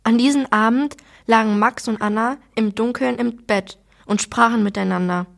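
A woman reading a children's novel aloud in steady storytelling. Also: on the high side, normal speed, gravelly.

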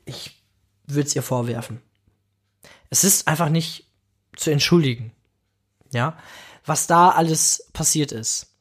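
A man's voice: on the high side, slow pace, long pauses, husky. A man hosting a casual podcast monologue, outspoken and emotional, swearing freely and now and then dropping in English exclamations. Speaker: podcast host.

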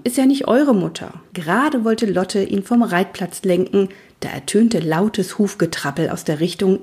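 A woman narrating a children's story in a lively storytelling manner, with a husky voice. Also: on the low side. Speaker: audiobook narrator.

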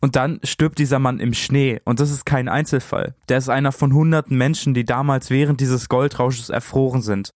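A man with a medium-pitched voice co-hosts a podcast. He narrates in a conversational way, recorded dry and free of room echo. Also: steady tone, normal speed, few pauses, darkish tone. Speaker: podcast co-host.

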